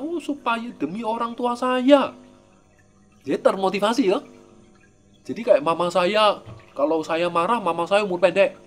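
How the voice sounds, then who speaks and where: Male Buddhist monk, chatty teacher, tosses rhetorical questions at listeners, voice rises and falls widely. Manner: lively, conversational, with rhetorical questions and tag questions; acts out quoted speakers with raised pitch. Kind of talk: informal Dharma teaching broadcast.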